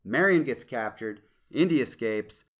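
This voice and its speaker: Male podcast co-host, mid-pitched, easygoing and quick to joke. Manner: relaxed, joking, laughs often. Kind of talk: casual legal podcast chat.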